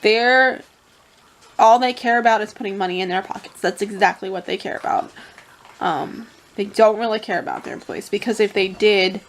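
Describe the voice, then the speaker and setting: A woman's voice: mid-range voice, normal speed. Emotional young woman venting in a vlog. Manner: emotional, tearful, rambling with restarts. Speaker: vlogger. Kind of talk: casual confessional vlog.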